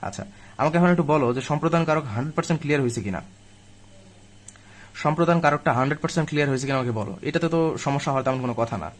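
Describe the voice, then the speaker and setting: A man's voice: on the high side, rapid-fire. A young man teaching a live online grammar class to admission students, chatty and direct, though weak from illness. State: weak and ill, speaking slowly.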